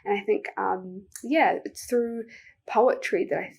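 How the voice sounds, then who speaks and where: A young woman with a New Zealand accent answering interview questions as a poet, speaking in a soft, reflective way with many ums. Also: mid-range voice, a little slow, gravelly, husky. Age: young adult.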